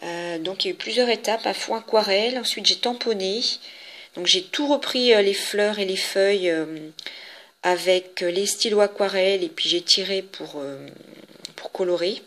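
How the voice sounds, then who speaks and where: A woman with a French accent casually shows her handmade cards, talking in a chatty, halting way with many fillers and restarts. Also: medium pitch, fairly bright tone. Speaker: papercraft vlogger.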